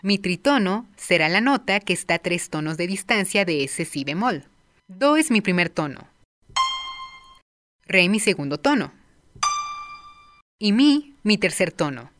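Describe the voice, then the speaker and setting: A woman presenting a music appreciation lesson, explaining film music clearly and addressing her viewers directly. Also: medium pitch, expressive, measured pace, long pauses, noisy background. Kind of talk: scripted educational narration.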